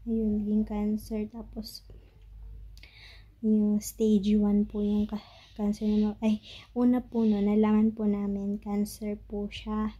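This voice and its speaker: Filipina vlogger, young woman, flat and very mellow delivery, halting speech, slightly dull audio. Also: mid-range voice. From Philippines. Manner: halting, searching for words, tearful at times. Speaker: family vlogger. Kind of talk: emotional story-time monologue. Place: home in Pakistan.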